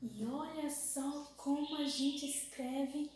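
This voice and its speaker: A Brazilian woman teaching young children a phonics lesson, asking slow sing-song questions and stretching out syllables. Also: high voice, fairly even intonation, darkish tone, heavy reverb, far from the mic, rough recording. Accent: Brazilian Portuguese.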